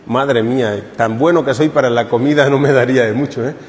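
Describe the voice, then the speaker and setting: At a retreat in a parish church, a priest delivers a catechesis sermon in a conversational, joking manner, tossing questions to the congregation. His mid-range, darkish voice moves a little fast and echoes in the large hall.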